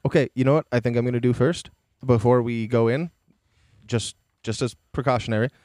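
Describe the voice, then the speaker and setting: Dude playing a tabletop rpg, mid pitch, kinda wry, dry mic. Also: male voice, steady tone, a little fast, darkish tone, no room sound. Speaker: player. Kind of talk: casual tabletop role-play.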